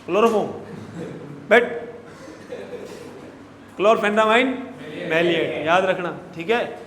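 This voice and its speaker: A man's voice: high-pitched, slow pace, fairly bright tone, slight background noise. A man teaching a veterinary class, quizzing and scolding his students as he lectures. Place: large echoey classroom. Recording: echoey hall, long reverb.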